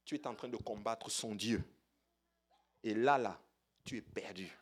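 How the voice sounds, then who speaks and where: A man's voice: lowish voice, unhurried. A man preaching a sermon, exclaiming and punctuating his points with hallelujahs.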